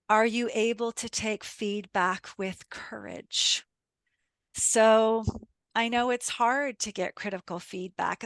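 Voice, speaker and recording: A middle-aged communication coach with a mid-range, fairly bright voice and some fry speaks at an unhurried pace on a podcast with listeners. She reflects aloud, asks listeners rhetorical questions and retells stories from client coaching sessions. The recording is close and dry, with no room sound.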